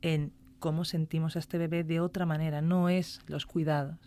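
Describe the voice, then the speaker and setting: Lively woman telling stories. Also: low voice, normal speed. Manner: animated storytelling, acting out quoted dialogue. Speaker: music therapist guest. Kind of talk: casual podcast interview.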